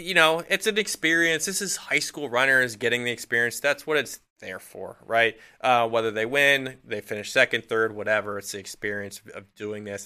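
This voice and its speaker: A man's voice: fairly low pitch, pushed and bright. A man co-hosting a running podcast, giving casual race analysis and thinking aloud with many fillers.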